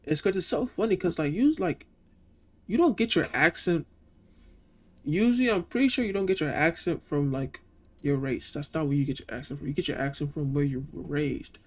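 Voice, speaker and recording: A man's voice: on the high side, a little fast. A young man from Georgia with a Southern accent, talking loosely and profanely as he reacts to a video, often breaking into laughs. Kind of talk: casual reaction commentary.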